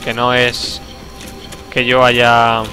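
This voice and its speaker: A man's voice: medium pitch, completely flat delivery, drawn-out words, bright, forceful tone. Young man streaming, chatty. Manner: chatty, joking, talking to himself, sudden outbursts. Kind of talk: casual gameplay commentary. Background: game music.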